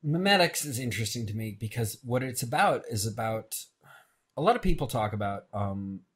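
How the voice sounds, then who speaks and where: A man's voice: medium pitch, animated, brisk, fairly bright tone, husky. A man, a filmmaker guest, talking in a casual interview, often hesitating and repeating words. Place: radio show studio.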